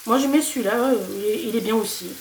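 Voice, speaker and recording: A young woman with a slight cold chats casually through a home cooking video, hesitant and full of fillers and restarts. Her voice is fairly high and darkish, and she talks quickly. Recorded from far off in an echoey home kitchen with a little hiss or hum, a pan sizzles and something is stirred in the background.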